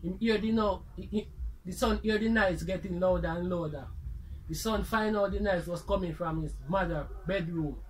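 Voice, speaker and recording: This rough recording, with faint noise behind it, carries a high-pitched male voice at normal speed. He's a storyteller host with a Jamaican accent, telling comic stories in speech tinged with Patois.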